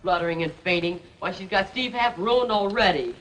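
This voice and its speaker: A woman's voice: on the low side, moderate pace, a bit bright, close to an everyday voice. A female performer playing a pushy, suspicious youngster in 1930s screwball comedy banter, on a faintly noisy film soundtrack. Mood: scheming.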